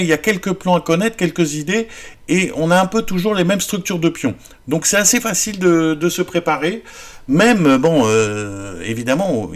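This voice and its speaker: Man, casual chess tutor, halting delivery with frequent fillers. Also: fairly high pitch. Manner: hesitant, many fillers and restarts. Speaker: chess teacher.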